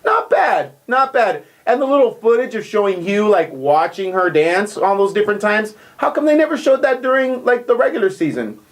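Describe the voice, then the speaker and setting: A man co-hosting a casual recap chat, animated and jokey. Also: brisk, few pauses. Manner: animated, jokey, big pitch swings. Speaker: co-host.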